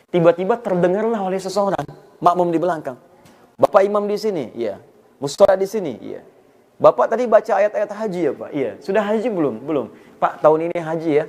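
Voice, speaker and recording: A man's voice: fairly high pitch, darkish tone. A man from Indonesia giving an Islamic sermon, telling stories and acting out the dialogue with rising emphasis. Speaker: Islamic preacher.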